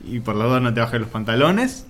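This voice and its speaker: A man's voice: mid-range voice, normal speed. A man with an Argentine accent, a podcast co-host telling stories and laughing in casual chat. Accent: Argentine Spanish. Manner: animated storytelling, laughing.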